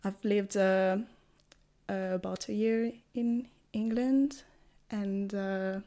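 A French woman in her twenties, an English language student, appears as a guest on a casual podcast and speaks English with a French accent. Her mid-range voice is warm and steady, and she talks slowly, hesitating with many fillers and restarts.

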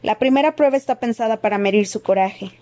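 A woman reading a storybook, voicing a weary, dazed male official who gives formal instructions slowly and distractedly. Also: on the high side, dark tone, natural voice.

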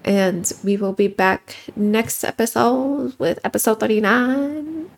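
Gravelly-voiced woman podcast co-host. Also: on the high side, takes it slowly. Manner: chatty, swears casually. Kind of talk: casual chat.

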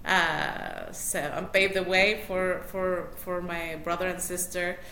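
In a casual interview, a Mexico City matchmaker with a Mexican Spanish accent chats as the guest, frequently laughing and starting sentences over. Her fairly low voice is sing-song, slow, creaky, bright and forceful. Faint noise and room echo are audible.

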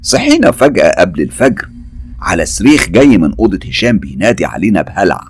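A man's voice: fairly low pitch, breathy edge. A man with an Egyptian accent narrating a first-person horror story in a dramatic, suspenseful way. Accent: Egyptian Arabic.

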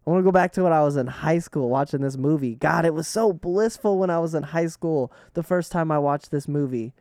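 A man's voice: a little high, brisk, dark tone, no echo. Laid-back, swearing podcast host, a man. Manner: rambling, laughs often and swears freely. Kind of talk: casual chat.

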